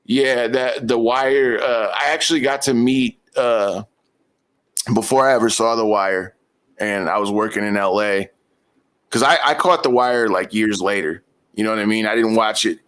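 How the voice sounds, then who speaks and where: Podcast host dude, rambles with lots of likes and you knows, hyped up. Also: male voice, on the low side, fairly even intonation, normal speed, fairly bright tone. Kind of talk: casual chat.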